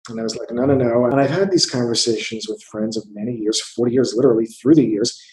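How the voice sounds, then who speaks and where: A man's voice: mid-range voice, quick pace, darkish tone, reverberant, low-quality recording. A man in his fifties from the United States, a theatre investor speaking as an interview guest, thinking aloud and often repeating words. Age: 50s. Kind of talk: conversational interview.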